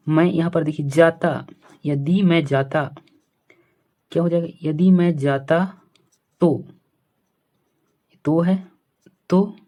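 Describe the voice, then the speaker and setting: A man's voice: on the high side, dark tone. Patient man teaching a step-by-step lesson. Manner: repetitive, keeps saying "see here" and checks understanding; reads phrases out slowly, word by word. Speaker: shorthand teacher.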